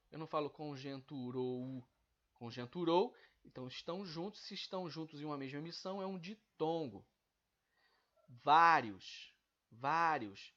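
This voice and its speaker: Man teaching a grammar lesson, lo-fi. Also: fairly high pitch. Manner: explains step by step, stretching out example words.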